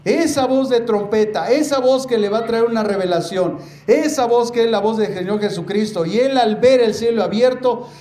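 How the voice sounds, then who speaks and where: A man preaching a sermon as pastor, emphatic, often calling out to his brothers and slowing down to stress key words. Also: very high-pitched, mellow. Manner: preaching, repeatedly addressing the congregation as brothers. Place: church. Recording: echoey church room with faint noise.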